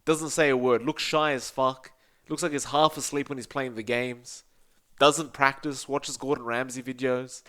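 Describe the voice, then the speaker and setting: A young Australian man, a podcast co-host and esports caster, rants bluntly and with profanity during a casual gaming podcast chat, often calling his co-host by name. His mid-range voice is fairly bright, with a steady tone and moderate pace.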